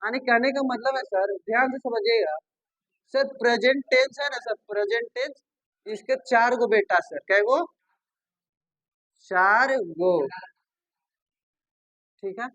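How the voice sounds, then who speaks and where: A man's voice: extremely high pitch, unhurried, pauses often, fairly bright tone, no echo, poor audio. A male teacher giving a grammar lesson, repeating terms and asking and answering his own questions. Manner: repetitive, addresses students as babu and sir, asks and answers himself.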